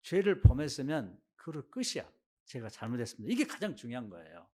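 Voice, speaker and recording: A man preaching a Sunday sermon as pastor, telling Bible stories in an animated way and acting out their speakers. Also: medium pitch, brisk. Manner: animated storytelling, acting out biblical quotes. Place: church sanctuary.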